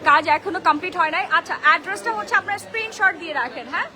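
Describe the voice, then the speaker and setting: A hoarse woman running a live sales stream from her unfinished showroom, talking in brisk, excited selling patter. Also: very high voice, some chatter behind, slight background noise. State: hoarse from shouting all day. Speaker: shop owner selling clothes on a live stream. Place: unfinished mall showroom with workers around.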